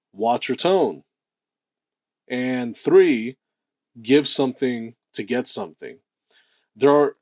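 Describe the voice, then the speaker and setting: A deep-voiced man, a self-improvement host, gets animated in a motivational talk, emphasizing key words and lingering on phrases. No room sound can be heard.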